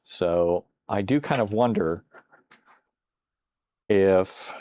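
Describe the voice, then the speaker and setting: A man's voice: low voice, extremely slow, mellow. An older man casually commenting while playing a retro computer game on a live stream, chatting with viewers and exclaiming at close calls.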